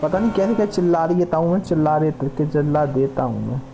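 A man streaming a video game, chatting casually with viewers and shouting excitedly at the action. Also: on the high side, fairly quick, noisy background. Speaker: gaming streamer. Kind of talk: casual live gameplay commentary.

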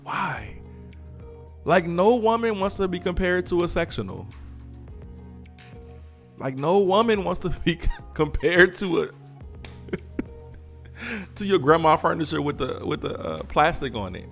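Animated, laughing male podcast host. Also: a little high, a little slow, creaky, pauses often, soft background music. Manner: animated, laughing often, teasing rhetorical questions. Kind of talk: casual commentary.

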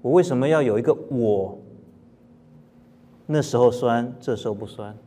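A male Buddhist teacher gives a dharma lecture in a calm, unhurried way. He speaks plainly at a middling pitch, often poses questions to his listeners and clears his throat from time to time.

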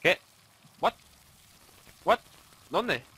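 A man's voice: high-pitched, sing-song, extremely slow, bright, forceful tone, slightly rough, no room sound. A young man from Spain with a Spanish accent, commentating a horror game he plays, swearing a lot and jumping between jokes and startled outbursts. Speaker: gaming YouTuber.

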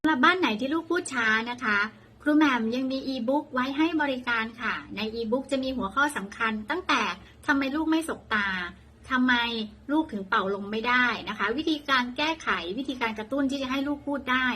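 A woman's voice: high-pitched, a little fast, sharp tone. A woman presenting an ebook in a friendly promotional voice-over.

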